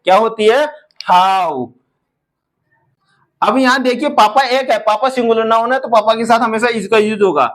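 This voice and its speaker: This high-pitched, fairly bright-toned man teaches English grammar like a classroom instructor, with an Indian accent. English sentences come out slowly and drawn out, while the Hindi explanations rush by. He calls his audience son and daughter.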